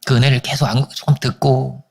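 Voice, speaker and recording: A man preaching a Sunday sermon as pastor, telling stories with animated voices for the people in them. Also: fairly quick, creaky. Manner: animated storytelling, acting out family quarrels in high voices.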